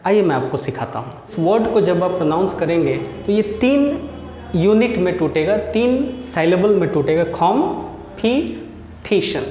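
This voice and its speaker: A man teaching an English lesson, repeating each example word slowly to drill its pronunciation. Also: high-pitched, dark tone, slight background noise. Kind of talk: classroom lesson. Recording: echoey room with long reverb.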